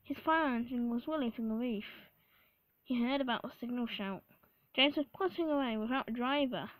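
A woman reading a children's storybook aloud, halting with fillers and slips. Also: fairly high pitch, dry recording, poor audio. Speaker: storybook reader. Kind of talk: reading a picture book aloud.

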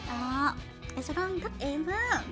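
A young woman doing playful, excitable game commentary as a gaming YouTuber, with squealing exclamations. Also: high voice, a little slow. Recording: music playing under the voice.

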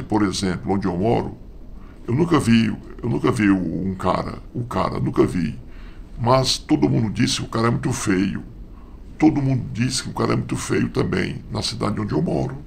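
A man voicing a kindly passerby who gently consoles a crying stranger. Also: mid-range voice, expressive, moderate pace, vocal fry, a little hiss or hum, voice pushed down. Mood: consoling. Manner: gentle, reassuring.

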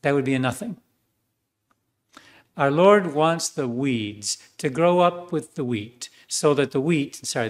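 A man preaching a sermon as a priest, earnest, with some fillers and restarts. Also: on the high side.

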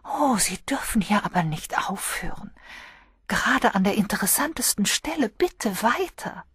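A woman's voice: mid-range voice, expressive, normal speed, a bit bright, slightly rough, no room sound, studio quality, pitched above the performer's own voice. A woman voicing a pretty, scatterbrained young woman who whines and hesitates, in an audiobook. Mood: pleading. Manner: whiny, hesitant.

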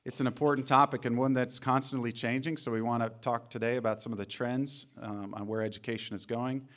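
A man in his forties, a council president, opening a conference panel from a podium mic on a hall stage, relaxed and joking with the audience. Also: medium pitch, fairly quick. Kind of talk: conference introduction.

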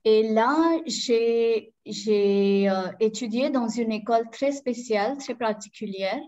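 A woman in her thirties from India, a Sanskrit teacher whose native language is Marathi, speaks with an Indian accent as a guest in a casual video call interview. Her voice is fairly high and mellow, delivered slowly with fairly even intonation, full of hesitant fillers and restarts. She's in a small indoor room, and the call audio is dull and lo-fi.

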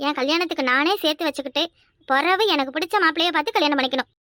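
A woman's voice: high-pitched, rapid-fire, pushed and bright, no echo, studio quality. A woman voicing a cheeky, earnest young village girl in a cartoon, with a Kanyakumari Tamil accent. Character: young unmarried village girl, spirited and fond.

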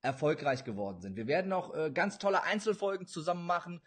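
A young man hosts a podcast interview over a video call from an indoor room with bookshelves, sounding eager and effusive and laughing often. His voice is fairly high, animated, fast and slightly rough.

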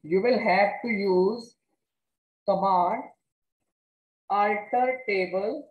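A woman with a North Indian accent teaching an online class step by step in a halting, repetitive way. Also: medium pitch, lo-fi sound. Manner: halting, repeats words and questions students. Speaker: computer science teacher. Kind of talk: online lesson, explaining step by step. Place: indoors, online class with screen share. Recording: echoey room.

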